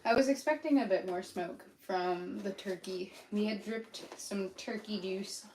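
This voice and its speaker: A woman's voice: medium pitch, measured pace, a little mellow, a little hiss or hum. Chatty Pittsburgh woman in an echoey kitchen. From Pennsylvania. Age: adult with a child. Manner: chatty, rambling, frequent fillers and laughs. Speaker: cooking vlogger. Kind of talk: casual live-stream chat while cooking. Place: home kitchen.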